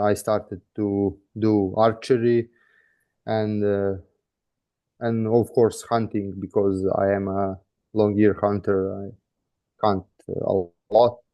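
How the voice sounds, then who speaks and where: A man from Serbia with a Serbian accent, answering interview questions hesitantly over a video call, pausing often. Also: fairly low pitch, mellow. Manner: hesitant, many pauses and fillers. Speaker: guest, hunting outfitter.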